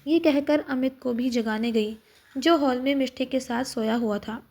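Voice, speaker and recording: Woman narrator for emotional audio stories, high soft voice, steady expressive delivery. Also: normal speed. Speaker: storyteller.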